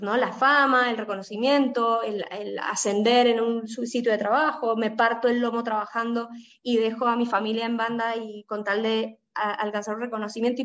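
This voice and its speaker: A woman's voice: a little high, muffled recording. Caribbean-accented woman teaching a Bible study. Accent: Caribbean Spanish. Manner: explanatory, asks listeners with frequent "¿no?" and "¿sí?".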